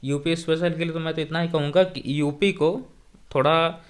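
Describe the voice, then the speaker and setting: A man with a Bundelkhandi Hindi accent who explains exam strategy step by step, with a slightly high voice. He speaks in a measured way and keeps checking in with the listener as he goes. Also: fairly even intonation. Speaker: exam topper guest. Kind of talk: interview advice.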